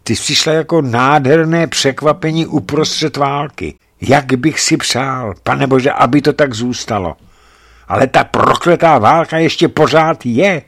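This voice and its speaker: A man's voice: medium pitch, fairly bright tone, voice pushed up. A man voicing an earnest young soldier speaking seriously and tenderly to the woman he loves.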